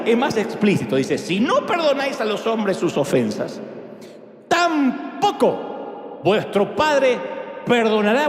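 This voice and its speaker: A man preaching a sermon to an audience in a large church, animated and joking, with big swings in pitch. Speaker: pastor. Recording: echoey hall sound.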